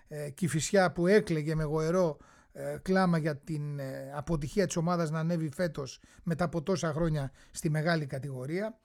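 A male host telling a sports story in a chatty way, often pausing on drawn-out hesitations. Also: on the high side, gravelly, dark tone. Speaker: radio and TV show host. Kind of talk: storytelling talk-show narration.

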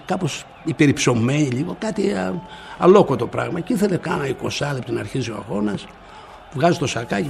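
Older guy, gravelly husky voice, jokey self-mocking stories about the old days. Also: medium pitch, a little mellow. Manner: humorous, self-mocking, quotes people vividly. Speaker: interviewee. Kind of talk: anecdotal storytelling.

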